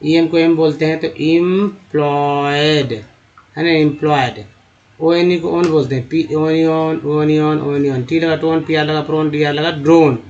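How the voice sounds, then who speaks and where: A man with a Hindi accent teaching how to read English from slides, on the higher side for a male voice. He breaks words into parts and sounds each one out slowly, repeating words several times. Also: fairly even intonation, darkish tone, muffled recording. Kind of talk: slide-based phonics lesson.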